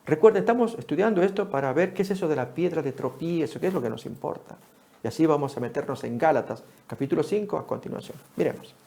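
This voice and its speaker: A man's voice: a little high, fast, vocal fry. A man teaching a Bible study lesson, calling his listeners friends and acting out the scripture dialogue as he reads. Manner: animated, addresses listeners as friends; acts out scripture dialogue while reading.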